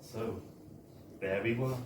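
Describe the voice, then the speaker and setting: Slowly and with fairly even intonation, a man with a fairly low voice reads a comic story from a humorous book at a live launch in a bar. His delivery is wry, theatrical and mock-formal. The recording is distant and echoey, with faint background noise.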